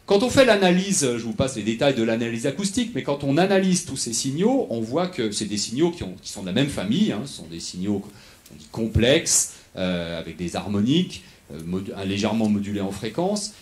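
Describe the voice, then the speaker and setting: A male researcher lectures on animal acoustics, explaining things step by step, frequently restarting and checking in with his audience. His mid-range voice has a sing-song quality and a darkish tone, and he talks a little fast.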